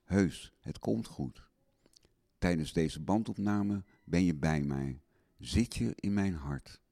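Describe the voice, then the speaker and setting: A man's voice: low voice, slow pace, gravelly, warm tone. A young man recording a spoken letter on tape for his wife, tender, longing and melancholy.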